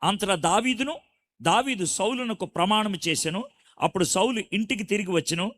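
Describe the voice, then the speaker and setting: A middle-aged man preaching a storytelling sermon, quizzing the audience and acting out the scenes with animated delivery. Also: high voice, moderate pace.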